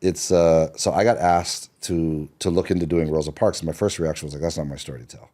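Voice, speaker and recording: A middle-aged screenwriter from Seattle, Washington, tells his story as a podcast guest, rambling loosely with lots of fillers and restarts. His extremely low voice is warm and steady, and he speaks briskly.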